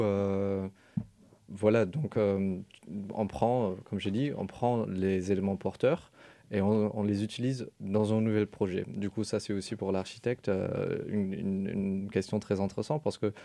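A young man, an architecture student, explaining haltingly on a radio show. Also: lowish voice, mellow, no echo. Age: young adult. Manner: halting, searching for words. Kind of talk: radio interview.

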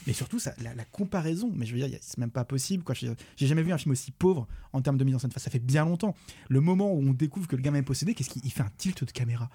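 A man with a French accent in a casual film-review chat, sarcastic and animated. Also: medium pitch, rapid-fire, slightly rough. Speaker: film critic on a podcast.

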